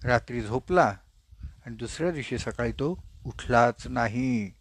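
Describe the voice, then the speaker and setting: A man giving a religious discourse, telling a parable in an animated way and acting out the dialogue. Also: mid-range voice, a little slow. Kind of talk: storytelling sermon.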